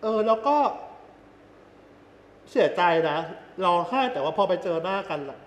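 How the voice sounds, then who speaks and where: A man with a high voice who shares stories in an earnest, open way during casual chat. The sound is echoey with a long reverb tail. A faint hiss sits under the voice. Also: moderate pace. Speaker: reaction video co-host.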